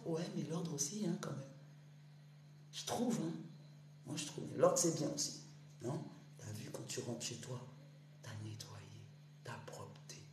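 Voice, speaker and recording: A woman giving a rambling spiritual monologue to her online audience. She talks straight to the listener in street slang and swings between hushed whispers and loud outbursts. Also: fairly low pitch. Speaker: spiritual speaker. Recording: roomy echo with faint hum.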